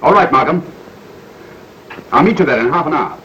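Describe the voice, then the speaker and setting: Suave, lilting British gentleman sleuth. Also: a little high, expressive, normal speed. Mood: amused irony. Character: suave, ironic, urbane gentleman amateur detective. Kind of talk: 1930s film acting. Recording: muffled, hissy 1930 film soundtrack.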